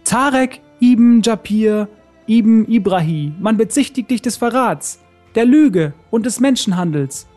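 A man voicing a cold, vengeful woman sorceress who speaks softly and with contempt. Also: sits high, animated, faint music behind, voice pushed up. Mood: judging. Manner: soft, contemptuous, deliberate.

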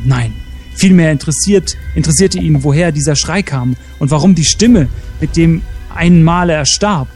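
A man reading a story aloud as co-host, steady with small slips and self-corrections. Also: a little high.

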